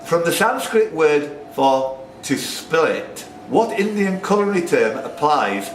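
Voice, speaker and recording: A quiz host, who also wrote the questions, reads them to the players in a slightly high, sing-song voice, speaking slowly and adding jokey asides. Noise and echo fill the room recording.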